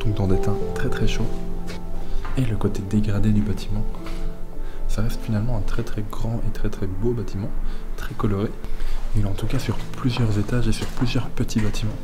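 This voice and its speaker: A man's voice: lowish voice, steady tone, brisk. A man giving casual vlog commentary, his voice echoing in a large empty building. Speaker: urbex photography vlogger, host. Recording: echoey empty building, music behind.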